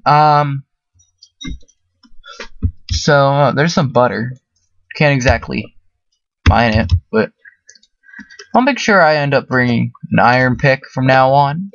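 A man talks his way through a let's-play in an easy, rambling manner, leaning on fillers as he goes. The recording is dry and close with no room sound, and a little muffled. His pitch sits in an ordinary middle range. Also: lively intonation, a little slow, gravelly, pauses often, a bit bright, no echo. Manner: chatty, rambling, full of fillers. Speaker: gaming video host. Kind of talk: casual let's-play commentary.

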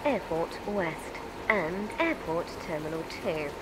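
Woman's train announcement over loud rumble. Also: expressive. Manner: measured, formal. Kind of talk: scripted train station announcement. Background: loud train and vehicle ambience.

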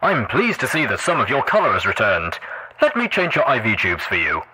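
A man's voice: medium pitch, wildly swooping pitch, fairly quick, bright, forceful tone, slightly rough, voice pushed up, full character voice. A man voicing a cheerful, oblivious robotic hospital attendant with a tinny, chipper sound and fussy, polite bedside chatter. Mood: cheery. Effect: tinny speaker sound.

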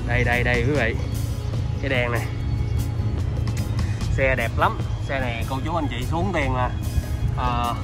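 A man with a southern Vietnamese accent giving an off-the-cuff used car sales pitch in slick, repetitive salesman patter while showing a car outdoors. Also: normal speed, long pauses, loud music behind the voice. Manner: slick salesman patter, repeating and pointing things out.

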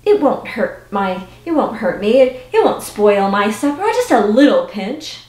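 A woman voicing a sly, greedy male fox who speaks slowly and coaxingly. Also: on the high side, very animated, a little mellow. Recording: roomy with faint autoharp.

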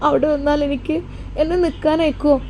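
Woman reader voicing a scared, hopeful young wife, earnest and high, Malappuram accent. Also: level tone, a little fast, dark tone, a little hiss or hum. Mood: anxious. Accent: Malappuram Malayalam. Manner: earnest, anxious, prayerful.

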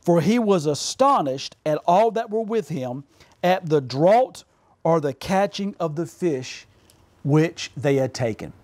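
A man's voice: fairly high pitch, measured pace. A man in his forties, a pastor preaching a fervent sermon from a home office, gesturing and calling out for amens. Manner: fervent preaching with animated gestures, calls of amen. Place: home office with purple lighting.

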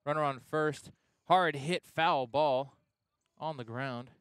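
A man's voice: a little high, slow, clean tone, no room sound, clean studio sound. Young man calling college baseball play-by-play. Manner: conversational, excited on big plays, self-correcting. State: has the hiccups. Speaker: play-by-play announcer.

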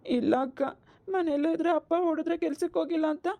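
A woman's voice: very high-pitched, fairly even intonation, quick pace, creaky, mellow, no echo. A woman voicing a small, meek cartoon boy who pleads through tears. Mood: tearful pleading. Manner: tearful pleading.

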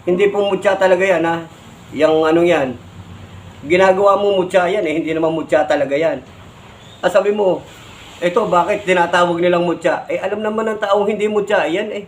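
A Filipino man with a fairly high voice lectures to his camera, pressing his points and tagging them with quick questions. Faint background noise sits under his talk. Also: fairly even intonation, low-quality recording. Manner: lecturing, repeats "no?" and "di ba?" as tags. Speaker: vlogger. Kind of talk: scolding explanation to camera.

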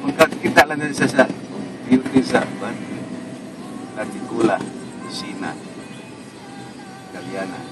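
A man's voice: mid-range voice, lively intonation, measured pace, long pauses. A man driving a taxi and talking politely with his passengers. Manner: polite, addresses passengers respectfully. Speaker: taxi driver. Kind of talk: casual chat. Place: driving a taxi up a mountain road at night. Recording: distant voice under loud car radio music.

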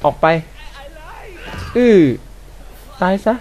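A man's voice: drawn-out words, mellow. A man commenting live as he plays a video game, exclaiming and swearing at what happens on screen. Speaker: gamer. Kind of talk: let's play commentary.

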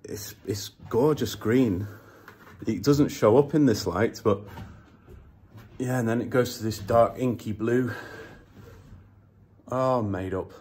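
A man, filming himself on a phone in an indoor workshop as he builds a kayak, talking in a gushing, emotional way with lots of halting restarts. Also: mid-range voice, darkish tone. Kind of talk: casual selfie vlog. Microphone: phone at arm's length.

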